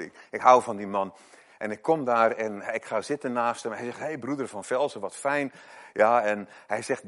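A man preaching a sermon, telling stories of believers and swinging between loud emphatic lines and hushed ones. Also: medium pitch.

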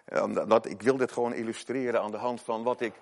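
A man preaching a sermon, telling stories of believers and swinging between loud emphatic lines and hushed ones. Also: medium pitch, fairly even intonation, fast, creaky.

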